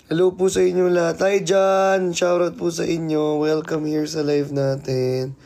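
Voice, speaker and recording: A man's voice: a little high, flat delivery, a little slow, vocal fry, a little mellow. A man hosting a casual live stream, greeting viewers by name and teasing them playfully. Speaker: livestreamer.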